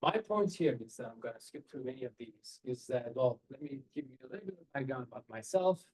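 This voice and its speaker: With a brisk, expressive delivery, a man from Iran speaks in a mid-range, darkish, slightly rough voice. He offers students earnest and direct career advice in a seminar over a video call, using rhetorical questions and non-native phrasing. His webcam produces a rough recording.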